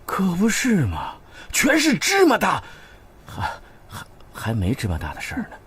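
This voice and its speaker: Teasing, joking husband. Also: male voice, low-pitched, sing-song, fairly quick, slightly rough, exaggerated voice. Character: joking middle-aged husband, teasing and placating. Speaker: husband in a TV drama. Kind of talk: TV drama acting.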